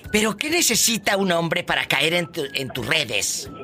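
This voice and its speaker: A man hosting a radio call-in show, teasing callers with flamboyant, quick jokes. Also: fairly high pitch, big pitch swings, pushed and bright, soft background music. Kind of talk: playful radio call-in banter.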